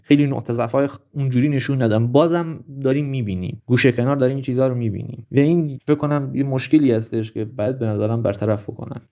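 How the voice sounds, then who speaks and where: A man's voice: mid-range voice, mellow. A man talking casually in a vlog, animatedly listing example after example. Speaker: vlogger. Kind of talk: casual monologue.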